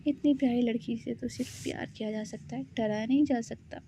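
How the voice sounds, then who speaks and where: Storybook romance role: woman doing an affectionate young woman, teasing, fairly high, gravelly voice. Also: steady tone, brisk, mellow, slight background noise, lightly acted. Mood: tender. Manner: teasing, sweet and reassuring.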